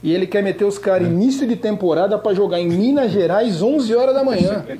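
A man's voice: high-pitched, a little fast, mellow, slight background noise. A man with a São Paulo Brazilian accent leaving a casual, slangy, sarcastic rant as a radio listener. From São Bernardo, Brazil. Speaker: listener sending a voice message.

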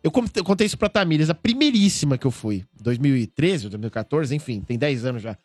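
A Brazilian man with a Brazilian Portuguese accent hosting a casual chat, telling animated, slangy stories. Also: medium pitch, fast talker, no echo, soft background music. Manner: animated, slangy, excitable storytelling. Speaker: show host.

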